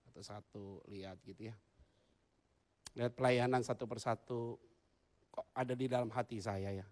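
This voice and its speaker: A male pastor preaching a humorous sermon in a church, moving between loud excited bursts and quiet asides. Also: mid-range voice, normal speed.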